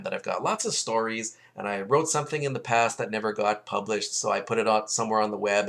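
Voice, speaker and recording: A middle-aged man from Canada hosting his own webcam vlog, talking fast in a chatty, digressive, self-deprecating way, recorded on a webcam at home. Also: mid-range voice, creaky, fairly bright tone. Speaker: webcam vlog host, former TV host. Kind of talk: casual rambling monologue to camera.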